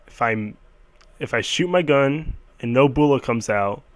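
A man playing a mafia boss who threatens in a casual, halting, offhand way, in an amateur game role-play. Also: medium pitch, expressive, no room sound, lightly acted. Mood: casually taunting. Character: casually menacing male mafia boss hunting his money.

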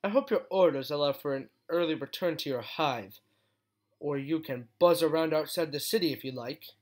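A tense young pony princess, sharp and emphatic, as a male reader voices her. Her lines come out higher and louder than the narration, with a bite. It's a storybook reading of a fan story. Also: brisk, lightly acted. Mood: stern.

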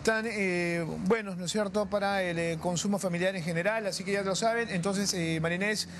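A man's voice: sits high, steady tone, fairly bright tone, slight background noise. A young man reporting live from an outdoor stand, interviewing people with a handheld mic. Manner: brisk, leading questions with tag questions. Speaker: field reporter. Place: outdoor plaza stand, in the city.

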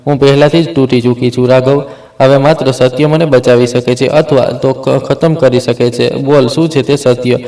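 A man voicing a fierce, grieving young woman police officer who asks urgent, pleading questions in a flat tone. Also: medium pitch, normal speed, natural voice, low-quality recording.

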